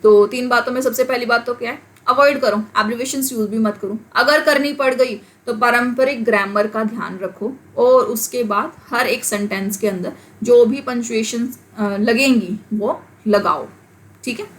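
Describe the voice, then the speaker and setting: A woman with an Indian accent teaching an English class, explaining in Hindi mixed with English and reading the English example sentences out slowly. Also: a little high, a bit bright. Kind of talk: classroom lecture.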